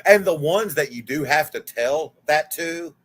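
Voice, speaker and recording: A man in his forties talks as a guest in a casual livestream chat. His voice is bright and forceful, and his pitch rises and falls a lot. He tells stories candidly and swears freely. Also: measured pace, husky. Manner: animated, candid storyteller who swears freely.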